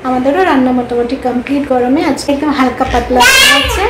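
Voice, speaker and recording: A woman's voice: sits high, sing-song, fast talker, very noisy. A woman, a mother chatting casually to her viewers in a home vlog. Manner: chatty, addresses viewers directly. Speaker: vlogger, mother.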